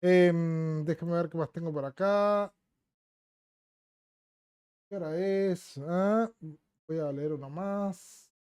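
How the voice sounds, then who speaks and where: A man's voice: on the high side, takes it slowly, long pauses, a little mellow, smooth, dry recording. A man with an Argentine accent from La Plata, hosting a casual livestream and bluntly answering viewer questions, dropping in Portuguese words. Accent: Argentine Spanish, La Plata.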